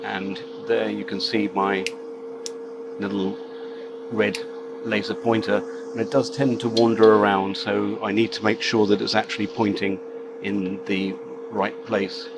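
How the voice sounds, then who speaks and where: A man giving a measured, matter-of-fact step-by-step demonstration as a tutorial presenter, recorded with machine noise behind him. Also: on the low side, flat delivery. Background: laser cutter machine noise.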